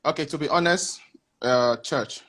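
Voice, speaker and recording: A man, a guest on a video call, telling his story haltingly with many restarts. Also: on the high side, a bit bright. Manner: hesitant, many restarts, reflective. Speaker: interview guest. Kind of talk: casual interview answers.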